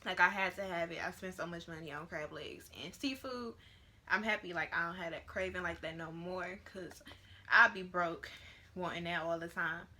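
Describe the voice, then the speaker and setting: A woman's voice: fairly low pitch, steady tone, normal speed, sharp tone. A woman in her late teens, vlogging at home to a camera on a tripod and chatting casually with lots of fillers. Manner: chatty and rambling, with many fillers. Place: at home, near her bedroom.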